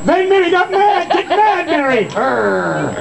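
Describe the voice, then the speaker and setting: A man's voice: very high voice, big pitch swings, unhurried, gravelly, full character voice. A man voicing a bawdy skeleton puppet emcee, telling a comic story on an outdoor fair stage with theatrical, teasing asides. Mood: mock dramatic. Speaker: comic storyteller directing audience volunteers. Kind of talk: bawdy live stage comedy narration. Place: outdoor fairground stage, heard from the audience. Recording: outdoor audience camcorder, crowd laughter, loud noise.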